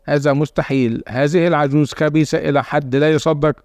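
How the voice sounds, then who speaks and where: A man voicing a frightened, timid young woman pleading in a spoken story, with a gravelly, quick delivery. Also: fairly high pitch, steady tone, a little mellow, no echo, studio quality, close to an everyday voice. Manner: pleading, hesitant.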